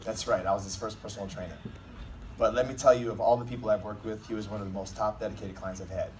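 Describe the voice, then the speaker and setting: A man's voice: lowish voice, fairly even intonation, fast talker, a little mellow. A man delivering a comedic best man's wedding speech in a joking, teasing, informal manner. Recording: distant mic, noisy room recording.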